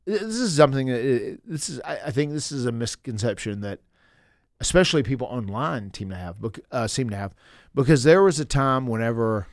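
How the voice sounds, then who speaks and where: A man in his fifties, a pro wrestler telling stories in a casual interview, animated and full of restarts and fillers. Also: medium pitch, a little fast, no echo, studio quality. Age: 50s.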